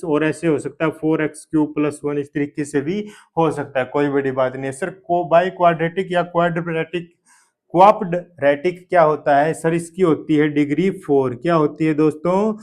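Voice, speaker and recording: A man with a somewhat high voice teaches a math lesson for exam preparation. He asks the class questions, then answers them himself as if he were a student. He drills key terms again and again. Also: a little mellow. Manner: repeats key terms, praises with "very good".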